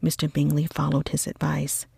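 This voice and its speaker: A woman reading a story for sleep in a slow, gentle, breathy ASMR whisper. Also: low voice, monotone, no room sound, clean studio sound. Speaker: audiobook reader for sleep.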